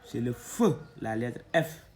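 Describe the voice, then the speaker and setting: A man teaching a reading lesson, slowly sounding out syllables and repeating them patiently. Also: mid-range voice, a little hiss or hum.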